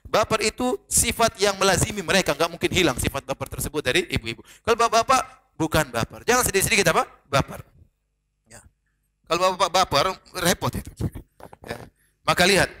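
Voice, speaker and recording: A man giving a religious lecture as a preacher, telling stories lively, quoting Arabic and joking with the audience. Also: sits high. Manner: lively storytelling, quotes Arabic, jokes with audience.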